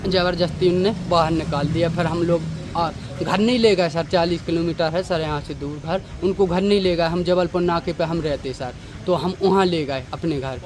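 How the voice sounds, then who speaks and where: A young man from central India angrily recounting events to a reporter, calling him sir. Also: a little high. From Damoh district, India. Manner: urgent, aggrieved, repeatedly addressing the reporter as sir. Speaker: bereaved family member. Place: outdoors at a hospital at night. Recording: outdoor street noise.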